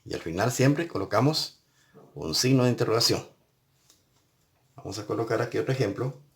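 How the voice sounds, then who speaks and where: A man's voice: mid-range voice, expressive, normal speed. A man teaching an English grammar lesson, patiently repeating and spelling out each step. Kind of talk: recorded classroom lesson.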